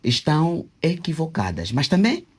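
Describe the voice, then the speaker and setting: A man, speaking in a husky, slightly breathy voice. He teaches as he talks and slows down to sound out words syllable by syllable, with frequent hesitations. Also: a little high, wildly swooping pitch, darkish tone. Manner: didactic, spells out Kikongo words syllable by syllable with many hesitations. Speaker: interviewee, self-proclaimed traditional king. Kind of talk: explanatory interview answers.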